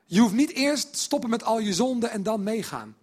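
A male preacher giving a sermon, animated, acting out quoted dialogue between characters. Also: extremely high pitch, fairly quick. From Netherlands.

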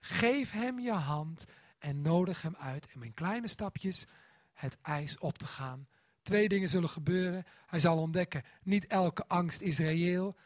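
A man's voice: sits high, unhurried, no echo, studio quality. A man, preaching a sermon and acting out quotes. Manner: animated, acts out quotes and a child's voice. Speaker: pastor.

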